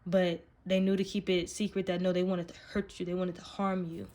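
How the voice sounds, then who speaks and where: A woman with a lowish voice reads tarot cards casually for her channel, speaking fairly quickly in a level tone. She talks right at the listener with emphatic slang and cursing, over background noise.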